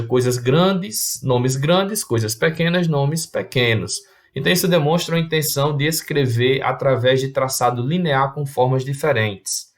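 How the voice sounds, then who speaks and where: Male teacher, mid-range voice, patient explanatory lesson delivery with small restarts. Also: mid-range voice. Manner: explanatory, many restarts and fillers. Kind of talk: video lesson.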